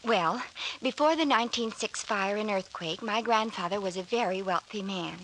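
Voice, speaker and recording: In an old-time radio drama heard through a noisy old recording, an actress plays an earnest, hesitant young woman who tells her story politely. Her medium-pitched voice moves at a moderate pace, slightly bright and close to how she'd normally talk.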